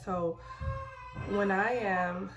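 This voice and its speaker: A young woman vlogger chatting candidly in a hushed, halting, reflective way while doing her skincare in a bathroom at home. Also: mid-range voice, steady tone, over music. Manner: hushed, so as not to be overheard. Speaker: lifestyle vlogger.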